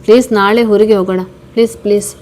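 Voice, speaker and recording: A woman's voice: medium pitch, steady tone, quick pace, a little mellow, close to an everyday voice. A woman voicing a young pregnant wife who is affectionate and playful, coaxing and pleading in a plain storybook voice.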